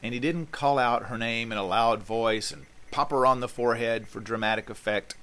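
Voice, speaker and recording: A middle-aged man, preaching a sermon as a pastor, telling the story emphatically and dropping to a hush on key phrases. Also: medium pitch, steady tone, moderate pace, poor audio.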